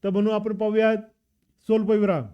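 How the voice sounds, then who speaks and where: High-voiced Marathi teacher quizzing. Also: male voice, level tone, a little fast, clear, resonant tone, highs cut off. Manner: drills with repeated questions and answers. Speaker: scholarship exam teacher. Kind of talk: exam paper walkthrough lesson.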